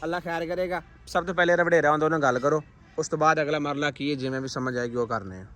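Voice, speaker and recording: Rapid-fire reassuring Punjabi man. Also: on the high side, a bit bright. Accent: Pakistani Punjabi. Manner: reassuring, soothing. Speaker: friend. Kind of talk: staged vlog conversation.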